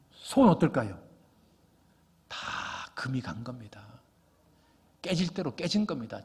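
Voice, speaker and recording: A man preaching a sermon as pastor, emphatic and repetitive, asking rhetorical questions and sometimes dropping to a hushed near-whisper. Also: on the high side, breathy edge.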